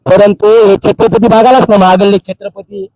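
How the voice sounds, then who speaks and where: A man's voice: sits high, normal speed, warm tone, dry recording, rough recording. A man, a social activist delivering an angry, accusing public tirade and repeating phrases for emphasis. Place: outdoors by a Holi fire.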